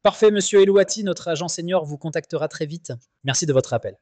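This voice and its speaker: A man's voice: a little high, a little fast, dark tone, no echo. Chirpy, cheerful robotic-sounding phone agent, a man. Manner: upbeat, polite, formulaic. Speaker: real estate phone receptionist. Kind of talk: scripted phone customer service.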